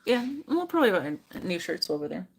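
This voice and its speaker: Low-voiced middle-aged woman, chatty. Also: fairly quick, gravelly, over a noisy crowd, low-quality recording. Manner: relaxed, chatty, many fillers. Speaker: mother and moderator of the stream. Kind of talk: casual chat.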